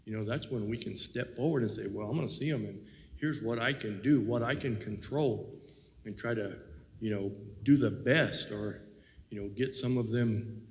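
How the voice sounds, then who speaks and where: Gravelly low-voiced man musing on faith. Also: normal speed, big-room sound. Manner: reflective, rambling, many "you know"s. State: has the hiccups. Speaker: co-host. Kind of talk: casual faith talk.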